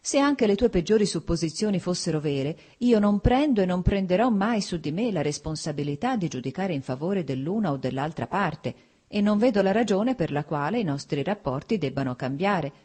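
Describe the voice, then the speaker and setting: A woman's voice: fairly low pitch, lively intonation, brisk, darkish tone, breathy edge. A woman voicing a cold, stiff middle-aged official who speaks curtly and sardonically.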